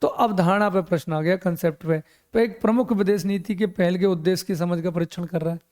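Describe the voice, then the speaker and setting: A man's voice: high-pitched, brisk, darkish tone. A middle-aged man teaching an exam coaching lecture, mixing English terms into his explanations and often asking questions and answering them himself.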